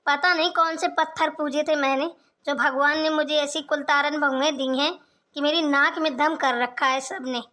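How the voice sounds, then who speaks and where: Cartoon mother-in-law voiced by a woman, old, proud, shrill, very high, bright, scolding. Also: fairly even intonation, moderate pace. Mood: aggrieved. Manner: scolding, shrill and sharp-tongued. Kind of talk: Hindi cartoon voice acting.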